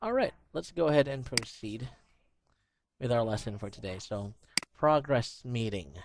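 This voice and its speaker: This online English teacher works with one student over video, his medium-pitched voice lively in intonation and moderate in pace. He patiently walks through new words using everyday examples, saying "you know" a lot, with noise in the background.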